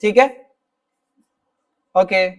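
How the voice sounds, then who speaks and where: A man's voice: high-pitched, clear, resonant tone, far from the mic. A male teacher giving a spelling lesson, explaining step by step and often checking that his students follow. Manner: explains slowly, often checks understanding with tag questions. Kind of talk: classroom-style spelling lesson.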